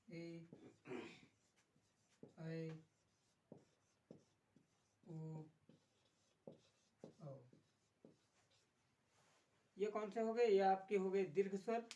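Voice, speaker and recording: A man teaching an exam-prep grammar lesson who asks a question, then answers it himself, repeating key terms and pausing on frequent filler sounds. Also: sits high, fairly even intonation, dark tone, dull audio.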